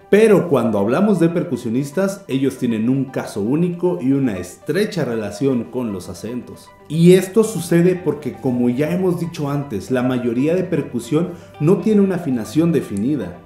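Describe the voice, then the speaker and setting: Animated man teaching percussion, roomy sound. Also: mid-range voice, moderate pace, few pauses. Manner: explanatory, addresses viewer directly. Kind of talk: scripted video lesson. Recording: roomy echo, faint music behind.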